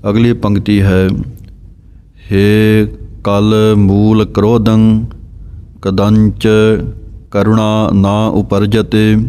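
A man giving a pronunciation lesson on scripture, reciting verses slowly and deliberately and spelling out letters and vowel marks. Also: lowish voice, warm tone, smooth.

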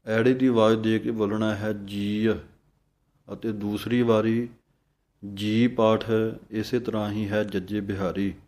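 A man teaching the correct pronunciation of a Sikh hymn, chanting each line slowly and then explaining it word by word. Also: fairly low pitch, little pitch movement, darkish tone. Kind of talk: slow recitation lesson with pronunciation notes.

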